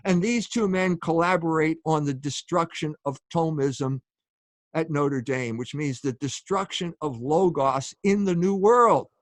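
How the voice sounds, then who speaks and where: A man's voice: a little high, a little slow, no room sound, studio quality. A man giving a public lecture as a speaker and author, in an earnest, emphatic lecturing manner.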